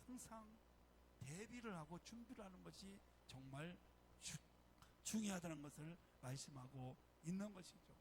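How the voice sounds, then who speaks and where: A man's voice: sits high, expressive, moderate pace, slight background noise. A man preaching a sermon as pastor of a church, emphatic and often calling out to his congregation. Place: church sanctuary.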